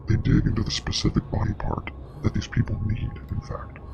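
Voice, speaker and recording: In a scripted web horror drama, a man portrays a grave investigator who knows his parasites, explaining with clinical, ominous restraint. His breathy, gravelly voice is fairly low and monotone, the recording has its highs cut off, and music plays underneath.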